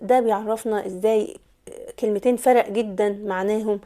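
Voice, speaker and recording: A woman with an Egyptian Arabic accent teaching an English lesson, repeating example words very slowly and leaning hard on the stressed syllables. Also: medium pitch, fairly even intonation, mellow. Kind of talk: online language lesson.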